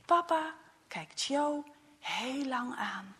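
A woman narrating a children's story softly, often dropping to a hush and then lifting with expression. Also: sits high, takes it slowly, husky, big-room sound. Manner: soft, often hushed to a whisper, expressive.

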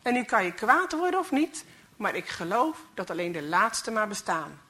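A woman's voice: mid-range voice, big pitch swings, moderate pace, bright, forceful tone. A woman reading a story aloud, voicing a cynical, grumpy male flight mechanic who grumbles and scoffs. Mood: grumbling. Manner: grumbling, scornful.

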